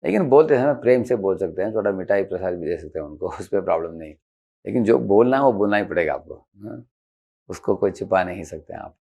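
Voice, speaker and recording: A spiritual teacher gives a conversational devotional lecture on assertive speech, his low, gravelly, warm voice moving fairly quickly with lively expression and a breathy edge, though the audio is dull. Speaking Hindi sprinkled with English terms and many "haan" fillers, he walks through slides and acts out brief quoted examples.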